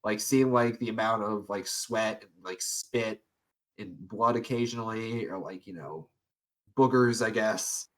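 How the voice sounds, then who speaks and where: A man's voice: lowish voice, a little slow. A young man co-hosting a casual podcast, rambling with lots of fillers, restarts and frequent laughs. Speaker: podcast co-host. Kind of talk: casual chat.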